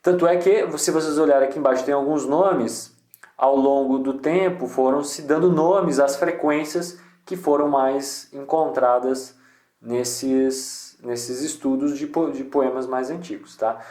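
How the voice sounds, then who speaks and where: A man's voice: medium pitch, unhurried, mellow, reverberant. A man giving a casual screen-share tutorial, thinking aloud with many restarts. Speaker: poetry channel host.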